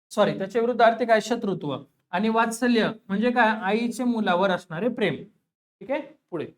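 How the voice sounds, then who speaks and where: A man teaching an exam-preparation lesson, who asks his students questions and then answers them himself, repeating the key words. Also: high voice.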